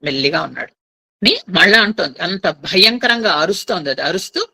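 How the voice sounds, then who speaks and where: A woman storyteller retelling an epic tale, speaking directly to her listeners and pausing to explain. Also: lowish voice, animated, vocal fry, bright, forceful tone, breathy edge, rough recording.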